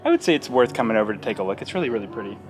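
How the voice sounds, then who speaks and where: A man's voice: lowish voice, very animated, rapid-fire, music in the background. A young American man narrating a casual outdoor vlog in a chatty, explanatory way. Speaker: vlog host. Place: outdoors on park trails and at a campground.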